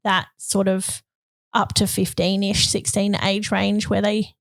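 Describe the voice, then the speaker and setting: A middle-aged Australian woman co-hosting a casual podcast, her voice croaky as she recovers. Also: mid-range voice, completely flat delivery, a little slow, no echo. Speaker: podcast co-host. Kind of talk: casual conversational podcast chat.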